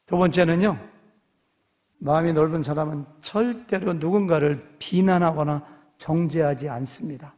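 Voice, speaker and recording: A man's voice: a little high, normal speed, a little mellow, in a large hall. A man preaching a sermon as pastor, telling stories animatedly and acting out dialogue in different voices. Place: church sanctuary.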